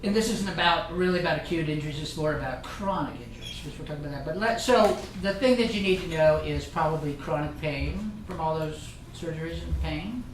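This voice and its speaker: This guest speaker, a middle-aged Irishman, jokes casually with a live audience, rambling and restarting often. He talks fairly quickly with few pauses, his voice on the high side. A distant mic picks him up in a roomy, noisy meeting room.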